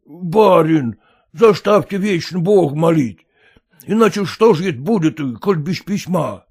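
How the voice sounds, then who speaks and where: A man voicing an illiterate, clumsy peasant who pleads in rustic, halting speech with fillers. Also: fairly high pitch, expressive, darkish tone, breathy edge, voice pushed up, full character voice. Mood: pleading.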